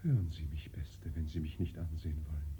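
A man's voice: mid-range voice, big pitch swings, unhurried, mellow, slight background noise. An actor playing an impassioned young nobleman begging forgiveness, fervent and sinking into pleading whispers, in 1940s radio acting on a dull, lo-fi old radio recording.

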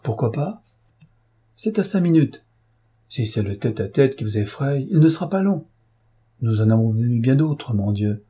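A man voicing a wry worldly gentleman. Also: mid-range voice, breathy edge. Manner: coaxing, wry. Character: worldly gentleman, half serious, half ironic. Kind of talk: audiobook reading.

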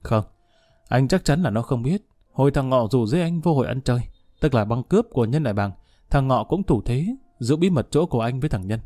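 A man voicing a jealous, violent young thug in a spoken story, harsh and shouting. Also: medium pitch, animated, a little fast, dry recording, clean studio sound, lightly acted. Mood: anxious.

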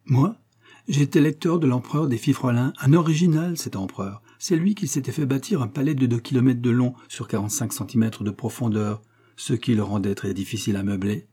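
A man's voice: medium pitch, a little fast, mellow, slightly rough, lightly acted. A man voicing a boastful, joking impostor posing as a cheerful patient, in an audiobook reading. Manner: glib, boastful, jokey.

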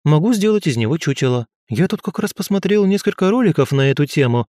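A man's voice: on the high side, expressive, fast, a little mellow, no echo, studio quality, pitched above the performer's own voice, close to an everyday voice. A man doing a chatty eccentric ghost scientist. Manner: matter-of-fact, businesslike rambling. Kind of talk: audiobook character voice.

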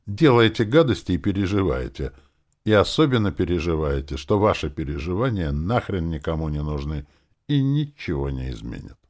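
A man voicing a snarky, sharp-tongued young female demon in an audiobook, grumbling and sarcastic. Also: low voice, very animated, normal speed. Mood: mocking. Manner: sarcastic, grumpy, shrieks when upset. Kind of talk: audiobook character voice.

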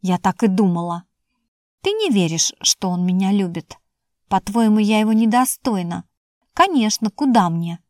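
A woman's voice: mid-range voice, expressive, moderate pace, no room sound, studio quality, lightly acted. A woman voicing an emotional, pleading young woman who is the narrator's sister, in audiobook dialogue. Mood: hurt.

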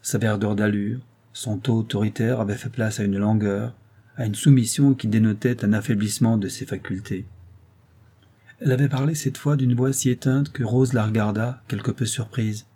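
A man narrating a novel in a measured, even reading. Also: on the low side, breathy edge. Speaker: audiobook narrator. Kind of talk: scripted literary narration.

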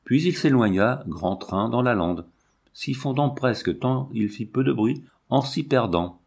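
A man narrating a classic novel as an audiobook in a measured, dramatic reading. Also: medium pitch, lively intonation, creaky, a little mellow.

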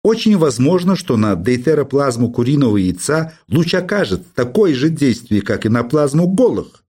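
A testy professor rants and lectures, his voice climbing high with irritation, as a man puts him on. The pitch leaps about in a lively, animated way. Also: normal speed, husky. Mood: agitated. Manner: exasperated, lecturing. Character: irritable fussy male professor, middle-aged.

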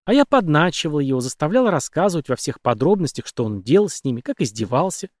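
Man playing a soft-spoken female killer, composed, menacing, lively raised voice, dry close sound. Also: fairly high pitch, fast talker, dry recording. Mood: calm menace. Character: cold calm female killer, young woman.

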